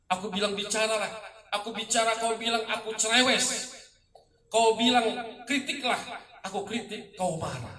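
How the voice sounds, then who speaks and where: A man reciting a poem at a live reading, delivering the lines with passion that swells and drops. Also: high-pitched. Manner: impassioned, rising and falling with the lines. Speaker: poetry reader. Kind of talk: dramatic poetry recitation. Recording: echoey room, distant mic, noisy.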